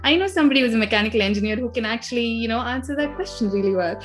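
A woman's voice: fairly high pitch, lively intonation, racing, over loud music. Upbeat young woman hosting an interview. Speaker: podcast host. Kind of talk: casual interview talk.

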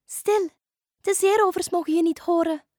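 Sibelia, a woman doing a squeaky eager dolphin. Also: fairly even intonation, moderate pace, dry recording, studio quality. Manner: high, urgent and bright. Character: cheerful female dolphin rescuer, eager and kind.

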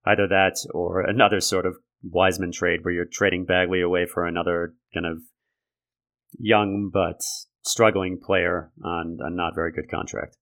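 A man hosting a sports podcast solo, talking analytically and conversationally in a gravelly voice left raspy by a lingering cold. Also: low voice, flat delivery, moderate pace, fairly bright tone. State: raspy from a lingering respiratory infection. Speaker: podcast host. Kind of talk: sports commentary monologue.

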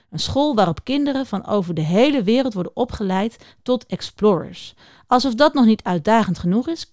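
A woman's voice: medium pitch, darkish tone, dry recording, studio quality. A woman presenting a children's book series in a scripted talk, speaking directly to young listeners in a friendly way. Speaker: reader introducing a children's book.

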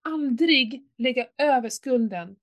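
Her voice high-pitched, a middle-aged woman recounts an emotional personal story in candid, casual conversation, swearing a lot and breaking into animated outbursts.

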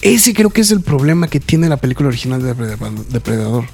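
A man's voice: mid-range voice, big pitch swings, fairly quick, a little mellow, slightly rough, faint music behind. A man with a Mexican accent, co-hosting a casual film review chat, emphatic and full of slangy fillers. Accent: Mexican Spanish.

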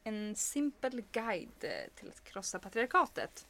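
A woman's voice: a little high, creaky. A young woman chatting casually as a podcast co-host. She tells stories with energy and acts out every person in them. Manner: animated storyteller who plays both sides of a scene.

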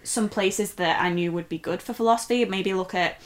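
A woman's voice: medium pitch, normal speed. A young woman from North West England chatting casually as a co-host, talking at length and laughing often as she tells her story. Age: young adult. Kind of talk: casual chat.

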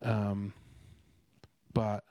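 Earnest man, smooth low voice. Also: completely flat delivery, extremely slow, warm tone, no echo. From Canada. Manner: earnest, rambling, many restarts and fillers. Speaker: speaker sharing a devotional. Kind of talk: casual devotional talk.

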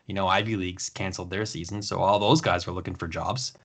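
A man with a fairly low voice hosts a casual podcast conversation. He talks in long, relaxed runs, with plenty of fillers and restarts. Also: fast talker. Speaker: podcast host. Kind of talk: casual hockey chat.

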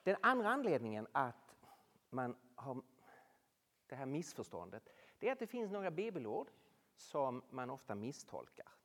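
Casting: lively preacher, big pitch swings, long hall reverb, sermon to an audience. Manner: animated, rhetorical questions, swings between loud and hushed. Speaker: speaker addressing a Norwegian audience.

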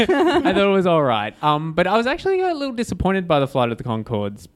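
Smooth-voiced man hosting a podcast chat. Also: sits high, huge pitch swings, brisk. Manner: rambling, with many fillers and frequent laughs. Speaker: podcast host. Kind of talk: casual chat.

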